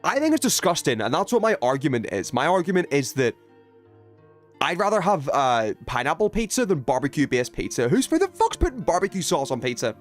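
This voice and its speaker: A UK man streams a video game and chats casually with his viewers, his voice a little high and sing-song at a fairly quick pace. He talks emphatically and opinionatedly, swearing as he goes, with faint music in the background.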